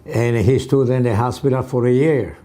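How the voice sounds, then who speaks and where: An older man from Cuba answering an oral history interview at home in short, halting replies. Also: medium pitch, fairly even intonation, warm tone.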